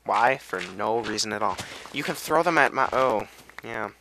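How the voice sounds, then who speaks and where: A young man with a lowish voice gives casual video game commentary at normal speed over a noisy background. He rambles, drifts onto tangents, and hums and sings to himself as he goes.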